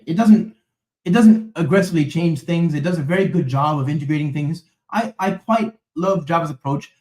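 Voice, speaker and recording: With a slightly high, darkish voice in reverberant sound, a man streams himself coding live, addressing the chat as he types. The walkthrough is casual and chatty, full of rambling, fillers, and checks like "okay?" and "right?".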